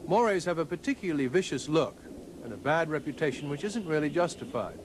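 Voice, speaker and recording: A man narrating a scripted nature documentary in a measured, formal storytelling manner. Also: a little high, lively intonation, noisy background. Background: background music.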